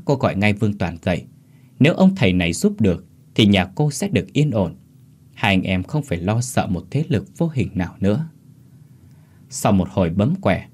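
A man reading a ghost story aloud in steady, measured scripted narration. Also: lowish voice, slightly rough.

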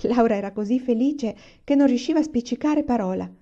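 A woman reading a novel aloud in an expressive storytelling manner. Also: on the high side, fairly quick, dull audio. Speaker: reader. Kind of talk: audiobook reading.

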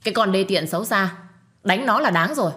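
A loud, high-pitched mother-in-law who screeches abuse and wails to the heavens, put on by a woman reading an audio story. Her voice climbs well above the storyteller's own and hits hard. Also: sing-song, normal speed, close to an everyday voice. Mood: furious. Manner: shrieking, abusive, wailing to the heavens. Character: scornful shrill mother-in-law, older woman.

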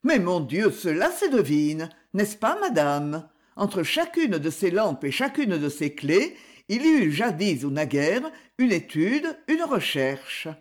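A woman voicing a refined, erudite male collector who speaks politely and with gentle self-deprecation, in an audiobook reading. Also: fairly low pitch, big pitch swings, slow, exaggerated voice. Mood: courteous.

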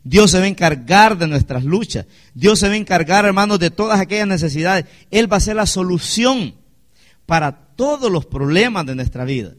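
A man's voice: high-pitched, animated, moderate pace. A male pastor, preaching a sermon with rhetorical questions to his congregation.

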